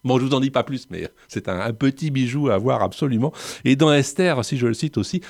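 A man's voice: mid-range voice, animated, fairly quick, no room sound, clean studio sound. A man hosting a radio show about film music, talking casually with ironic, joking asides. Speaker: radio host presenting film scores.

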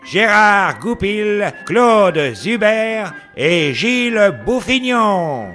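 Guy doing old radio serial announcer, slow and theatrical, big swoopy delivery, bit of music behind. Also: high-pitched, big pitch swings, sharp tone, heavily acted. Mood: showy, presenting.

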